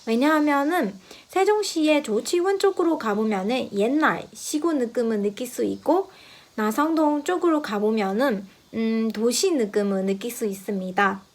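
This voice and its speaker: Higher-voiced young Burmese-accented woman giving a speech. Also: animated, normal speed. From Myanmar. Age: young adult. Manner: formal, polite presentation. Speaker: student speech contest entrant. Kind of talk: prepared speech in a second language.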